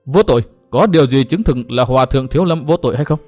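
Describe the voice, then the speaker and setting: A man's voice: mid-range voice, lively intonation, quick pace, darkish tone, faint music behind, natural voice. A proud young swordsman in a martial-arts audio story, voiced by a male narrator close to his own voice. His words come out cold, terse and formal.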